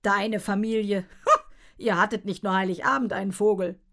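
A woman voicing a stubborn mother who snaps back in a high, insistent voice, in a storybook reading. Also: steady tone, normal speed, fairly bright tone, close to an everyday voice. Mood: defiant. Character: stubborn, sharp-tongued mother.

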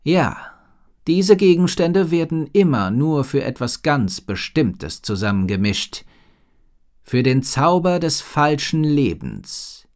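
A man reading a storybook and voicing a worried, wise female head sorceress who speaks slowly and gravely. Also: fairly high pitch, big pitch swings, a little mellow, voice pushed up, full character voice.

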